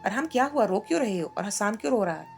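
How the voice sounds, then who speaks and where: A stern, quick-tempered father in a storybook reading, played by a woman narrator. He scolds harshly, with a gravelly rasp and soft music behind. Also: mid-range voice, animated. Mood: angry.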